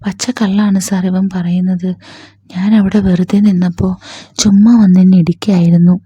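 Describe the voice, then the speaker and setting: Woman as an indignant young guy, protesting, husky flat voice. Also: lowish voice, moderate pace, no room sound, dull audio.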